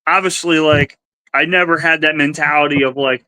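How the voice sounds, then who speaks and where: A man's voice: fairly high pitch, fairly even intonation, moderate pace, bright, forceful tone, dry recording, poor audio. A man, a pro wrestler, chatting casually on a podcast, stammering and repeating words as he talks. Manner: stammering, repeats words while searching for them.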